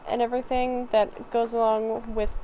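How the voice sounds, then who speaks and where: A woman streaming a video game with casual commentary, thinking aloud in a halting way. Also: on the high side, flat delivery, warm tone, muffled recording, a little hiss or hum.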